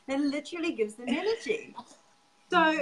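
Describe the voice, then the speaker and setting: A woman's voice: high-pitched, animated, moderate pace, fairly bright tone, slight background noise, low-quality recording. A woman hosting a casual chat as a sex coach, laughing often and swearing casually.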